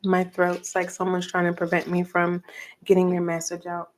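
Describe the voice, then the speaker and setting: A middle-aged woman giving a tarot reading for viewers, talking softly and slowly and pausing as she reads the cards aloud. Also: lowish voice, monotone, slight background noise. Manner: slow, soft and meditative, reading cards aloud with pauses. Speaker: tarot reader.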